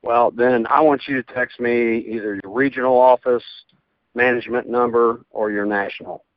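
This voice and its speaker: A man's voice: mid-range voice, steady tone, moderate pace, no room sound. A man heard over a landline phone call, arguing indignantly and stumbling over his restarts. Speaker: prank call target. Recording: muffled phone line.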